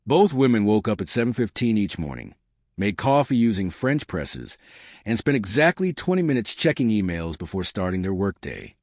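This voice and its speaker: Deep-voiced male story narrator. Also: big pitch swings, a little mellow, no echo, clean studio sound. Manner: measured storytelling. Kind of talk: scripted narration.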